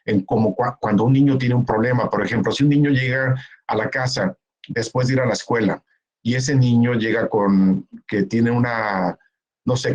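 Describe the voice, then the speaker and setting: A man's voice: mid-range voice, poor audio. A man, giving a conference talk in an earnest, explanatory way, often stopping to act out what parents say. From Mexico. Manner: earnest, explanatory, acts out parents and relatives in quoted asides. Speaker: keynote speaker. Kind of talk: conference talk, answering a question.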